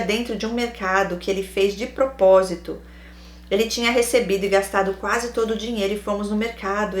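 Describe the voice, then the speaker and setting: A woman with a Brazilian accent, hosting and reading a listener's personal story aloud, acting out quoted lines and adding wry asides. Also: medium pitch. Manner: animated, acts out quoted lines, adds wry comments. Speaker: host reading a listener's letter. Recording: roomy echo.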